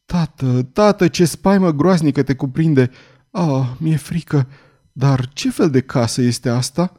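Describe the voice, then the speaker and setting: A frail, frightened young girl, voiced by a man reading aloud. The voice sits well above his usual one, soft, breathless and pleading. An audiobook character voice. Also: sits high, expressive, pitched above the performer's own voice.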